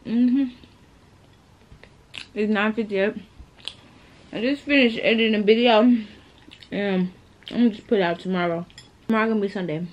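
Talking directly to her audience with her phone held out at arm's length, a young vlogger chats playfully, some of it from inside her car. She speaks at a moderate pace in a mid-range voice, pausing often, and the recording's high frequencies are cut off.

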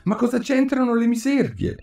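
A man's voice: on the high side, very animated, normal speed, a little mellow, voice pushed up. A man putting on a prim little girl. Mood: earnest. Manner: prim and precise. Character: curious polite little girl. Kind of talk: storybook reading.

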